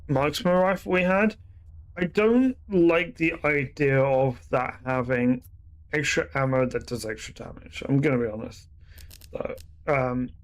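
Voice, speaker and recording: A man giving casual, rambling commentary while streaming a shooter game, often correcting himself mid-sentence. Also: on the high side. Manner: chatty, rambling, self-correcting asides.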